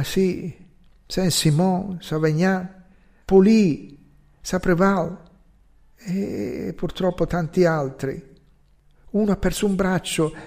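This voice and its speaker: A man reading aloud voices an embarrassed army captain, speaking awkwardly and a little haltingly. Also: high voice, a little mellow, voice pushed up. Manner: stammering, awkward.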